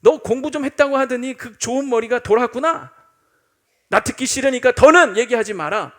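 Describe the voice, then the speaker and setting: A man acting out an enraged Roman governor who mocks and shouts down a prisoner, as part of his sermon. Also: extremely high pitch, animated, normal speed, pitched above the performer's own voice. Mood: enraged scorn. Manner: shouting, mocking, dismissive. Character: furious Roman governor, middle-aged man, scornful.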